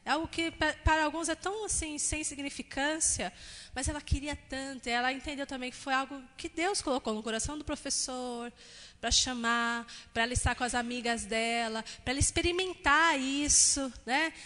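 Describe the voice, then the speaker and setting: High, bright-voiced woman preaching in a reverberant hall. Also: moderate pace. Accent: Brazilian Portuguese. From Brazil. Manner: chatty, frequent "né?" tags, acts out quotes of family. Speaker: pastor. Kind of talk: sermon with personal stories. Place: church hall.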